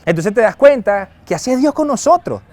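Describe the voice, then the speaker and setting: High-voiced pastor preaching. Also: male voice, brisk, no echo. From Venezuela. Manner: lively, acts out quoted dialogue and chuckles often. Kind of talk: sermon.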